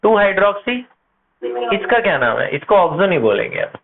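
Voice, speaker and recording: A man teaching chemistry at a board, asking his class questions and answering them himself, slowing down to spell out compound names. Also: high voice, very animated, gravelly, a crowd in the background. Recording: tinny phone-like audio with faint noise.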